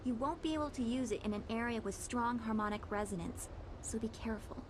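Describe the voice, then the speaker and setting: Woman acting eager, high-voiced young anime-dub specialist. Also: fairly quick, lightly acted. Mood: earnest, instructive. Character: young female radar and data specialist, eager, polite, admiring. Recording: clear background noise.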